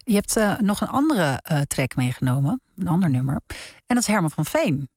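A woman hosting a late-night radio interview in a studio, asking her guest questions in a conversational, gently probing way. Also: fairly low pitch, big pitch swings, brisk, dry recording. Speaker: radio host. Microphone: studio microphone.

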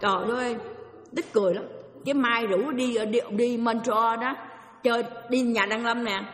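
A woman giving an animated dharma talk as a Buddhist teacher, telling stories and asking her listeners questions. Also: a little high, normal speed. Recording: echoey hall.

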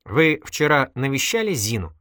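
A man's voice: medium pitch, big pitch swings, normal speed, sharp tone, dry recording, studio quality, voice pushed up. A man playing a wry, polite young detective. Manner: polite, dryly humorous. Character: calm, wry young male police detective. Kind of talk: audiobook character voice.

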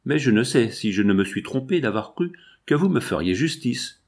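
A man's voice: mid-range voice, very animated, moderate pace. A man voicing a sad, troubled young noblewoman who answers her husband in subdued replies, in an audiobook reading.

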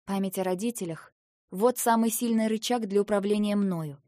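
A woman reading first-person narration for an audiobook in a measured, quietly expressive way. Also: mid-range voice, dry recording, studio quality.

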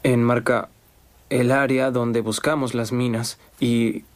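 Man acting an earnest, respectful soldier, medium pitch. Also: flat delivery, takes it slowly, natural voice. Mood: earnest, deferential. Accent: Latin American Spanish. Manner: deferential but insistent. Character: earnest, respectful captive soldier pleading with superior. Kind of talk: dubbed film acting.

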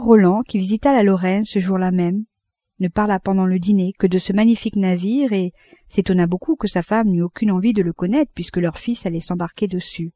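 A woman reading a classic novel aloud as audiobook narration, in a measured, unhurried manner. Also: medium pitch, warm tone, no room sound. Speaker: audiobook reader.

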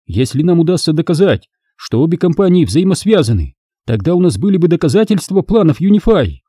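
A determined, wary young woman as a male narrator puts her on, earnest and pressing, in a raised voice with a dark, husky grain. The storybook reading is dry and close. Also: a little high, big pitch swings, brisk, no echo, voice pushed up.

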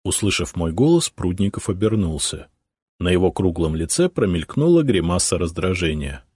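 A man reading first-person audiobook narration in a measured, expressive way. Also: deep voice, breathy edge, no room sound, studio quality.

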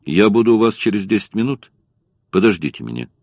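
A man's voice: on the low side, big pitch swings, fairly quick, darkish tone, no room sound. A male narrator voicing a dry, businesslike older man, an aging spy boss who speaks curtly. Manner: dry, curt.

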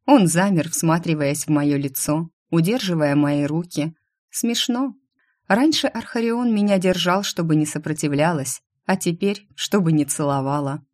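A woman narrating a first-person audiobook in a soft, intimate, expressive reading voice. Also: low-pitched, normal speed.

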